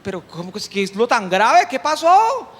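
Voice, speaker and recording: A man's voice: extremely high pitch, wildly swooping pitch, moderate pace, a bit bright, full character voice. A man preaching a sermon, acting out a worried young elder son who keeps anxiously asking what happened. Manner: anxious questioning. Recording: long hall reverb.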